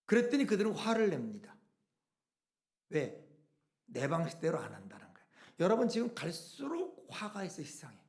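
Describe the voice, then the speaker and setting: A man's voice: high voice, huge pitch swings, moderate pace, long pauses, a little mellow. A middle-aged man preaching a sermon as pastor, asking rhetorical questions and acting out quoted speech.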